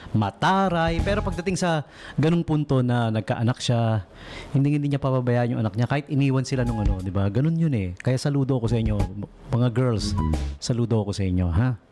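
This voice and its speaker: A man hosting a late-night radio show, chatting casually and joking, mixing English into Tagalog and playfully mimicking cat calls. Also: mid-range voice. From Philippines. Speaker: radio DJ host. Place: radio studio. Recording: radio broadcast with music behind.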